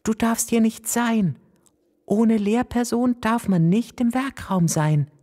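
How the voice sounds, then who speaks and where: A man's voice: sits high, animated, normal speed, pitched above the performer's own voice. A man voicing a bossy, rule-minded schoolgirl in a children's audiobook. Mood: insistent. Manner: insistent, rule-citing. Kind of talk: storybook character voice.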